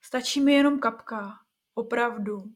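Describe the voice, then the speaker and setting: A woman voicing a small, hungry wild forest spirit girl in a storybook reading, speaking slowly and high. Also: natural voice. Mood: pleading.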